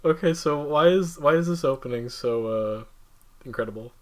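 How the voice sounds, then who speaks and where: A man's voice: mid-range voice, moderate pace. Rambling, laughing young man podcast host. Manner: rambling, animated, laughs often. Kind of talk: casual chat.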